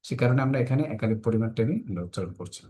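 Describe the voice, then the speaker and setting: A man's voice: fairly low pitch, dark tone. Man teaching Quran recitation rules. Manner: patient step-by-step explaining, slow drawn-out recitation. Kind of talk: tajweed lesson, explaining then reciting.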